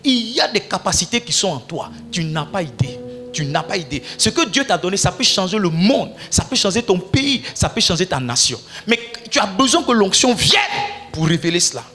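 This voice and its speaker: High bright-voiced preaching pastor. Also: male voice, very animated, fairly quick, faint music behind. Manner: preaching with shouts and sung lines. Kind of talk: sermon.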